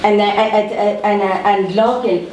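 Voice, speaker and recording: A woman from Burma, asking a halting question at a workshop, repeating words as she searches for phrasing. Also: medium pitch, fairly even intonation, darkish tone. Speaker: audience member asking a question. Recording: echoey room, mic far off, clear background noise.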